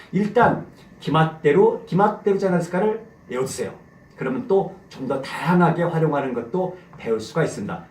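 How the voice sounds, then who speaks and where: Animated middle-aged man teaching, roomy sound. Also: a little high. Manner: energetic, repeats phrases, playful. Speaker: Japanese language teacher. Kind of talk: animated classroom lecture with repetition drills. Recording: roomy echo.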